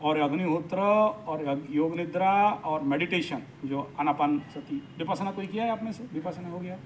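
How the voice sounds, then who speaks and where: High-voiced, animated male astrology teacher. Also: normal speed, slight background noise, rough recording. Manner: animated, emphatic, mixes English phrases into speech. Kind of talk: live workshop lecture.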